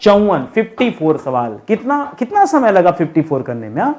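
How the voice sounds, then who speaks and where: Guy teacher, high voice, keeps repeating words and asking the class what's right, chill exam-prep lesson. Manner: repeats and drills words, asks the class rhetorical questions; calls his listeners friends, relaxed and unhurried. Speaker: Hindi teacher.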